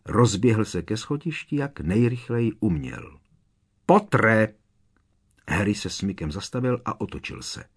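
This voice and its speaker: A man's voice: lowish voice, animated, slightly rough. A man narrating an audiobook with a dramatic, varied delivery.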